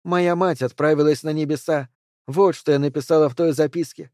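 Unstable gun-waving woman, high and shrill, male reader doing her. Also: normal speed, darkish tone, no room sound, studio quality, close to an everyday voice. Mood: excited. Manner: shrill, emotional outbursts.

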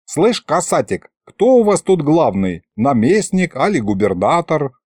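Folksy old grandpa, bossy and sly, high and bouncy in pitch; male reader. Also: very animated, a little slow, a little mellow, no echo. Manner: rustic folksy speech, bossy and chiding.

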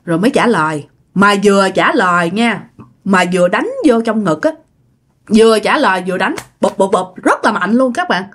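A woman's voice: mid-range voice, expressive, moderate pace. A woman telling a ghost story in a chatty way, talking straight to her listeners. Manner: chatty, addresses listeners directly.

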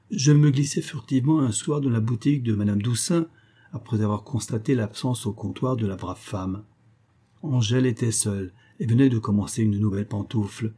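A man reading a nineteenth-century story aloud as literary narration, in a measured storytelling manner. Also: on the low side, mellow, slightly rough. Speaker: audiobook reader.

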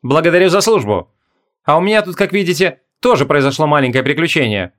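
A man's voice: fairly high pitch, expressive, fast, a bit bright. A man voicing a polite, thoughtful king in an audiobook, courteous and composed.

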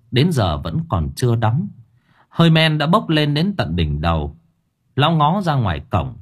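Husky, lively male storyteller. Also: medium pitch. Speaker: audiobook narrator. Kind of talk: scripted storytelling narration.

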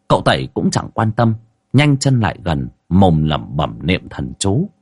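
A male storyteller reading a ghost story, his husky, low voice swinging widely in pitch as he dramatizes each scene. The sound is dry and close, with no room around it. He acts out all the characters himself. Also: darkish tone, dry recording.

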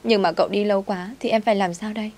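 A woman's voice: medium pitch, steady tone, very fast, darkish tone, voice pushed up, close to an everyday voice. A woman voicing a clingy, tearful young servant girl who whines and pleads. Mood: pleading. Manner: whiny, pleading.

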